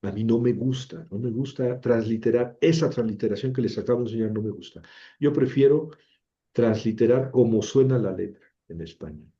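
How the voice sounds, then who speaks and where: A man's voice: mid-range voice, normal speed, mellow, lo-fi sound. A man teaching Biblical Greek in a chatty, self-mocking lecture, repeating words to drill pronunciation. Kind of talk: informal classroom lecture.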